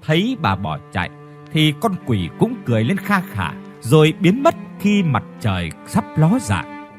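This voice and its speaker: A man's voice: on the high side, huge pitch swings, measured pace, faint music behind. A man reading a horror story aloud in a dramatic storytelling manner. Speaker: narrator. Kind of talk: scripted horror narration.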